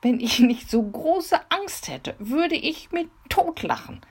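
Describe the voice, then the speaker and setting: A woman reading a children's story aloud, voicing a bold, cheeky young girl who shouts defiantly. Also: sing-song, slow pace, gravelly, exaggerated voice. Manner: shrill and defiant.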